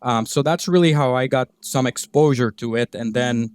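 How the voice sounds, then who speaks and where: A man in his thirties from Guatemala, a podcast guest talking through his career in a relaxed, halting way with lots of fillers. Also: mid-range voice, clean tone, no echo. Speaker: podcast guest, business owner. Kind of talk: conversational interview.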